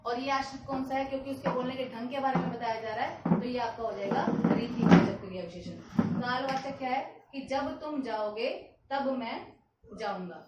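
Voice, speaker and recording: A woman teaching a grammar lesson with a fairly high voice. She explains patiently, repeating each example and posing questions she then answers. The recording is distant, in a very echoey room. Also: normal speed, heavy background noise.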